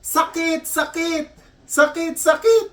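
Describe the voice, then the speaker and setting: A man voicing a panicked Filipino man in a hospital, who shouts the same short cries for help over and over in a strained, very high voice. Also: slow pace. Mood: desperate yelling. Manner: frantic repeated shouting, very high.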